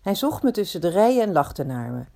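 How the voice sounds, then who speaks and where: A woman's voice: fairly low pitch, very animated, brisk, gravelly, mellow. A woman telling a story in the first person, in a reflective, confiding way that often asks itself questions.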